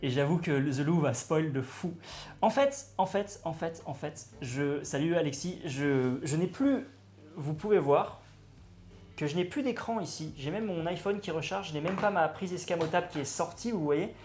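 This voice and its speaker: A man chatting excitedly with viewers while he cooks live, greeting and thanking them as he goes. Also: a little high, normal speed, faint music behind. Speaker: cooking streamer. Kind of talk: live-streamed cooking chat.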